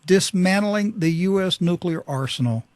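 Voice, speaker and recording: A man's voice: high voice, lively intonation, moderate pace, darkish tone, no room sound. A man hosting a radio talk show, fervent and emphatic, speaking into a studio microphone.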